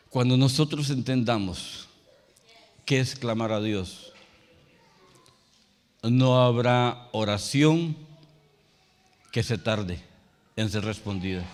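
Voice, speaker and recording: A male pastor preaching a sermon. He tells a personal story and rises to loud, emphatic calls. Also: mid-range voice, long reverb tail. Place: church sanctuary.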